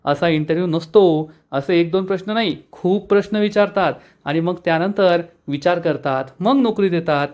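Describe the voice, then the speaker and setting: A man's voice: high voice, moderate pace, few pauses, darkish tone, lightly acted. A man reading the lines of an earnest, confident young woman in a retold story.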